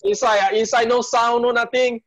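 A man's voice: very high-pitched, little pitch movement, moderate pace. A man in his thirties with a Singaporean accent, casually hosting an online group party over a video call. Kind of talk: casual, informal hosting with Singlish particles. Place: small room at home, on a video call. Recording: dull, lo-fi video call audio.

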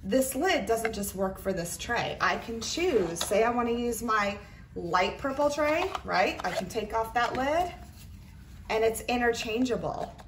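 A woman with a slightly high, expressive voice speaks at a measured pace, giving a casual, chatty craft product demonstration at an indoor tabletop. The roomy recording uses a distant mic with faint noise, and the small items she handles click and rattle in the background.

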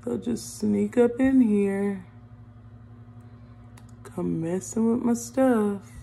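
A woman's voice: medium pitch, drawn-out words, gravelly, mellow, a little hiss or hum. A woman chatting casually to viewers as she does her makeup, humming along as she works. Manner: chatty, addresses viewers as y'all, hums while working. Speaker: beauty vlogger. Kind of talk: casual makeup vlog chat.

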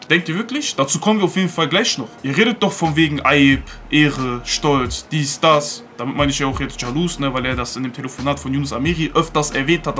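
A man's voice: fairly high pitch, bright, forceful tone, a little hiss or hum. A man doing reaction commentary on a clip, blunt and slangy, mocking and repeating his catchphrases. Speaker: reaction streamer.

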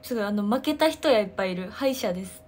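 A woman, chatting casually on a livestream, telling stories excitedly with sound words. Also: medium pitch, fast, a little hiss or hum. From Ehime, Japan. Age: 20s. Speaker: idol livestreamer. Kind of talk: casual livestream chat answering comments.

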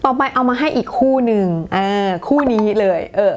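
Lady english teacher, chatty, says words slow n clear, soft music under. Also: fairly high pitch. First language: Thai. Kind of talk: casual pronunciation lesson.

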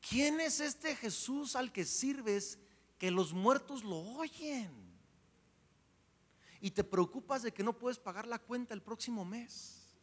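Male pastor, high bright voice, lively playful sermon, long hall reverb. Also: slow. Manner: animated, playful preaching with acted-out voices.

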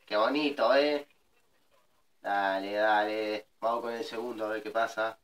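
A man's voice: on the low side, fairly even intonation, a little slow, a bit bright, distant mic, slight background noise. A man in his thirties with a Rioplatense Spanish accent, talking casually as an amateur YouTube host making prank calls. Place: by a brick fireplace with a wood fire. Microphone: camera a little way off.

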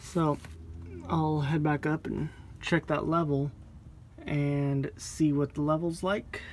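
Here a DIY car vlogger, voice a little high, tone level and pace slow, casually walks through a car repair step by step. He rambles and thinks aloud, full of ums, filming on a handheld phone. The setting moves from a moving car to outdoors beside it at night, with loud road and engine noise.

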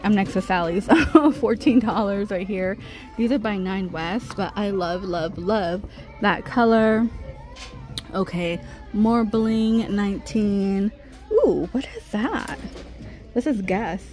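A middle-aged woman with a medium, slightly mellow voice vlogs a casual shopping trip through a busy discount clothing store. She chats while browsing and reads out prices in shop-with-me style.

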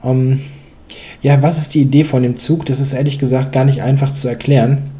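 A man's voice: mid-range voice, level tone, fairly quick, mellow. A young man commentating a chess game, explaining moves thoughtfully with many hesitant fillers.

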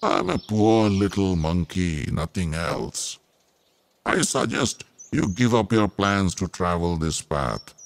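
A man voicing a huge mischievous monkey god who speaks slowly and drowsily, teasing a proud prince in a storybook tale. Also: deep voice, animated, a little hiss or hum, pitched below the performer's own voice, full character voice. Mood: sleepy teasing. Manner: slow, drowsy, mock-weary. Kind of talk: storybook narration.

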